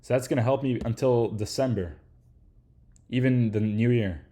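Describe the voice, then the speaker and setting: A man giving casual, slangy advice to aspiring creators in a relaxed lecture, swearing now and then and tossing in "like" and "right?". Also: mid-range voice, normal speed. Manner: laid-back, slangy, swears casually, peppers speech with "like" and "right?".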